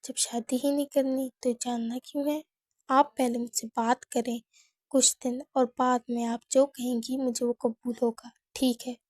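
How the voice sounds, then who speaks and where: A woman's voice: a little high, little pitch movement, moderate pace, darkish tone, dry recording, studio quality, close to an everyday voice. A woman narrator voicing a playful, persistent young man who teases with confidence. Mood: teasing. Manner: teasing, self-assured. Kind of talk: audiobook character reading.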